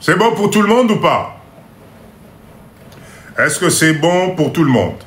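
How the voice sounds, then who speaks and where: A man giving a live class on import-export, going slowly, repeating each point, checking that everyone follows, and joking about his own English. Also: a little high, sing-song, echoey room. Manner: mixes in Lingala phrases and jokes about his English. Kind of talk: live online lesson.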